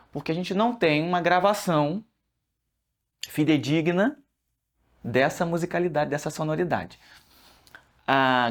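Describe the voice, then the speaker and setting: Brief: male researcher, mid-pitched, explanatory documentary talk, restarts often.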